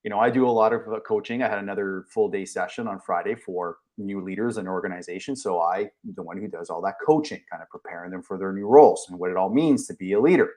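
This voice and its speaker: A man in his forties hosting a podcast interview, chatty and thinking out loud with many fillers. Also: sits low, fast talker, few pauses. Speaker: podcast host and leadership coach. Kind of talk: casual interview chat.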